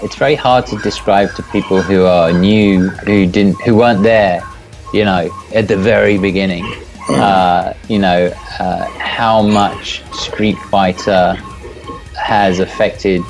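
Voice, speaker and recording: Deep-voiced English man, rambling. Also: rough recording. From England. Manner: rambling, relaxed, swears casually. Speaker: guest. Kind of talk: casual interview chat. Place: home room, indoors. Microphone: earphone mic on a video call.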